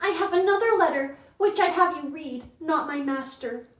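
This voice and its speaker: A young page boy in a period stage comedy, acted by a woman, with a very high, small voice. He sounds downcast and dutiful, in a clearly echoey room. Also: expressive, normal speed. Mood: sad, timid. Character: sad young boy servant, dutiful messenger.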